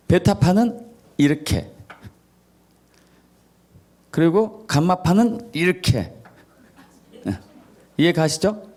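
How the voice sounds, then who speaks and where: A male pastor preaching a sermon who keeps asking the congregation questions and answering them himself, stacking up repeated phrases in lists. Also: fairly high pitch. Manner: acts out scolding and gentle parent voices; repetitive listing cadence.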